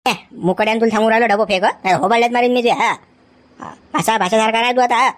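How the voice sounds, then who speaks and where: A woman, playing a flustered middle-aged village uncle who scolds excitably. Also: on the high side, racing, natural voice. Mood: scolding.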